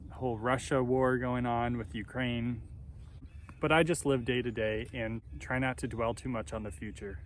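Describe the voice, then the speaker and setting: A man's voice: medium pitch, slight background noise. A man in his thirties from the United States reads aloud and comments casually in a self-conscious, candid, reflective way. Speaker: vlogger. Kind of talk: reading old journal entries aloud with casual commentary. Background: background music.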